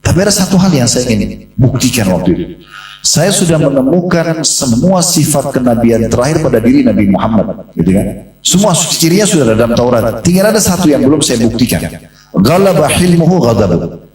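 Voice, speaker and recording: A man preaches to a congregation in a mosque, telling a story at a brisk clip and speaking straight to his listeners. His voice rings through a very reverberant hall. He stands some way from the microphone. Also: medium pitch. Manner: lively storytelling, addresses audience directly. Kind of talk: religious lecture to a congregation. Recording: very echoey hall, mic at a distance.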